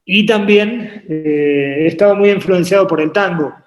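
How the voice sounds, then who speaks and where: A painter and artist guest, born in Uruguay and raised in Argentina, discusses his work in a relaxed interview over a video call from his home painting studio. His voice sits high, and he often pauses and repeats words while thinking, with the room sounding echoey.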